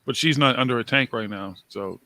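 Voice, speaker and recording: A man's voice: medium pitch, a little fast, pushed and bright. A man chatting casually with friends in teasing, contrarian banter. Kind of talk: casual group chat.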